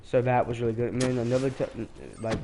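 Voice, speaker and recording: Sick and congested, a teenage streamer comments casually on the shooter he's playing, rambling and hesitant with lots of restarts. He talks quickly in a stuffy, mellow, mid-range voice with a level tone, and there's slight background noise.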